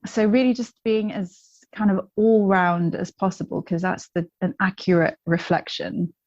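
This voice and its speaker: A woman's voice: mid-range voice, level tone, normal speed, a little mellow, no room sound, dull audio. A woman, a coach, talking as a guest in a casual interview, chatty and candid with frequent ums and restarts. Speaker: guest, positive psychology coach.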